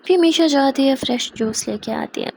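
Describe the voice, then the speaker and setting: A woman narrating a love story aloud and acting out the characters' dialogue in a soft, expressive way. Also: high-pitched, normal speed, gravelly, a little hiss or hum, low-quality recording.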